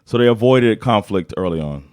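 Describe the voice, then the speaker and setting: A man's voice: fairly low pitch, lively intonation, moderate pace, a little mellow, no echo. Laid-back American man telling history jokingly. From United States. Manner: joking, loose, laughs often. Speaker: podcast co-host and storyteller. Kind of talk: casual comedic history chat.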